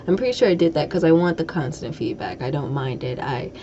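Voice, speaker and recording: A woman's voice: low voice, animated, brisk, mellow. A woman hosting a casual podcast chat, rambling and self-correcting, with a slight lisp from a broken tooth. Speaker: podcast host. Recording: dull lo-fi audio with faint noise.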